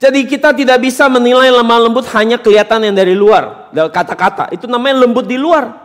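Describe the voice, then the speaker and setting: Man, pastor, interactive sermon, high voice, teasing and emphatic, long church-hall reverb. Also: quick pace. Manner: questions the congregation directly, teasing and emphatic. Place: church hall during a service.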